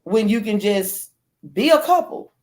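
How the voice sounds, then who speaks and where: A woman in a casual chat as a guest, outspoken and animated, often restarting her sentences. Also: mid-range voice, measured pace.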